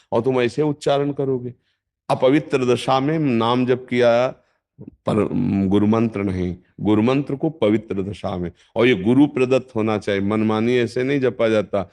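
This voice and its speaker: A man's voice: on the low side, darkish tone. An older man with a North Indian Hindi accent, a spiritual teacher giving a firm, instructive devotional discourse with emphatic repetition.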